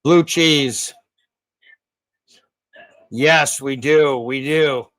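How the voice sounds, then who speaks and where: A man's voice: medium pitch, drawn-out words, a bit bright. A man hosting a live fight stream, giving betting commentary and cheering the fighters on. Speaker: livestream host.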